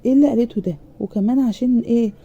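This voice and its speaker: A woman's voice: fairly high pitch, very fast, mellow, lo-fi sound. A woman voicing a stern young male teacher with an Egyptian accent, talking curtly. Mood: gruff. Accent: Egyptian Arabic. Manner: gruff, curt.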